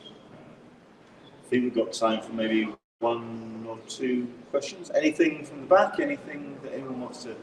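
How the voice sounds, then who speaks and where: A man's voice: mid-range voice, lively intonation, unhurried, noisy background. A man with an English accent hosting a live panel interview, polite and chatty as he asks questions. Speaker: panel host. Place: museum room with audience. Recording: echoey room, far from mic, crowd.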